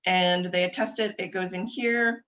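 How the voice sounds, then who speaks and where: A young adult woman giving a quick, chatty webinar presentation over a video call, explaining steps with frequent ums and uhs. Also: lowish voice, steady tone, a bit bright. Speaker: presenter for a government agency.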